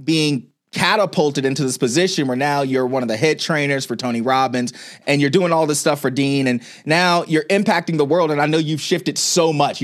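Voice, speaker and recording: Guy hosting an interview, gushes over his guest, long winding questions, lots of "you know". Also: a little high. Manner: praising, rambling, many "you know"s. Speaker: show host and interviewer. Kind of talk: warm, effusive interview questions.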